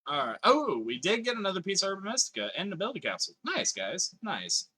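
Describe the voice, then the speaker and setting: A man's voice: high-pitched, huge pitch swings, fast talker, pushed and bright, slightly rough. A man streaming a video game live, chatting casually with his viewers and reading their messages aloud as he plays. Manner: chatty, reads chat messages aloud, swears now and then. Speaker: gaming livestreamer. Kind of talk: casual live-stream chat while playing.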